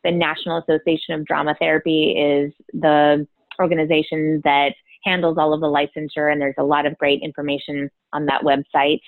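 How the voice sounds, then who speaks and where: A woman's voice: sits low, flat delivery, brisk, no echo. A woman drama therapist explaining her ideas in a podcast interview, often checking in with "right?". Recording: phone-like dry line.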